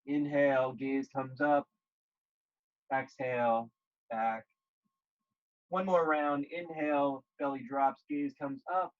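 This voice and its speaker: Leading a guided yoga session, this male instructor speaks softly and calmly, pausing between brief, deliberate phrases. The recording lacks high frequencies, and his pitch is mid-range.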